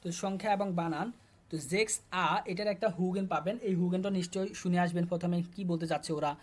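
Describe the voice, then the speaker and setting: Fast-talking Bangladeshi man teaching German. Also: high-pitched, fairly even intonation. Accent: Bangladeshi Bengali. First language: Bengali. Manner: talks students through textbook exercises, repeating words. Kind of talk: casual explanatory lesson.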